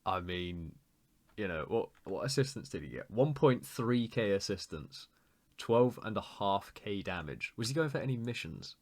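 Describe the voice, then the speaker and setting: A man giving excitable, stumbling commentary on a tank game replay. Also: on the low side, moderate pace. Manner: excitable, laughing, stumbles over words.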